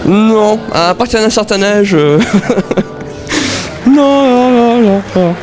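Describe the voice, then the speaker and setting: Speaking slowly in a high voice, a thirty-something singer gives hesitant answers with shy laughs during a casual interview at a concert. Music plays behind him.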